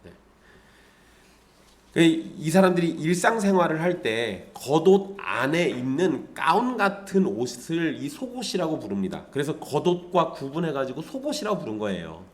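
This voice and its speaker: Male pastor, sermon, fairly high voice, very animated pitch, rhetorical questions to the congregation. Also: moderate pace. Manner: lively, conversational preaching with rhetorical questions to the congregation.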